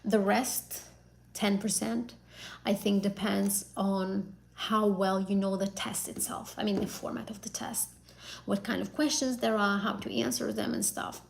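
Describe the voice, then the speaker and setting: This young Azerbaijani tutor, whose first language is Azerbaijani, chats through viewers' questions about English exams on a live stream. She fills her speech with fillers and often repeats or rephrases. Her mid-range voice is steady, unhurried and creaky, and the audio is poor with slight background noise.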